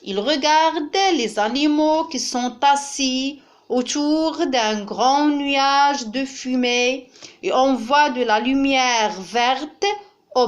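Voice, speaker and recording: Woman teacher, slightly high voice, unhurried careful delivery, phonics lesson for children. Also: lo-fi sound. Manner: slow, clearly articulated, pointing things out. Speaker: primary school teacher.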